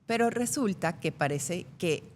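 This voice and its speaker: Low-voiced actress woman from Venezuela. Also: measured pace, a little hiss or hum. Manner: lively anecdotal storyteller. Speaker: actress guest. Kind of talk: casual interview chat.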